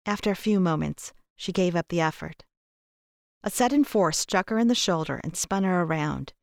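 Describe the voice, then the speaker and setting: Clear low-voiced woman narrator. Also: lively intonation, normal speed, darkish tone, dry recording, studio quality. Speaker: audiobook narrator. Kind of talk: scripted narration.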